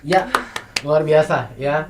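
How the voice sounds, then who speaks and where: A man's voice: on the high side, slow, very noisy. A man with an Indonesian accent hosting a TV and radio talk show, upbeat and announcer-like, with some fillers.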